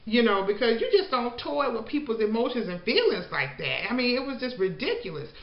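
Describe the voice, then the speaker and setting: A show reviewer with a slightly high, fairly quick voice that swings widely in pitch recaps a show in a chatty way. She's full of "you know" and "like" and imitates the people she quotes, all in an echoey, dull lo-fi room.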